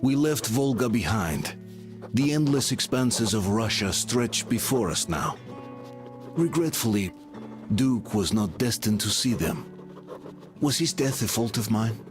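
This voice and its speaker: A man's voice: on the low side, animated, measured pace. An actor playing a brooding, reflective soldier who narrates his journey in a video game. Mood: somber reflection. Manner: reflective, somber. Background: music.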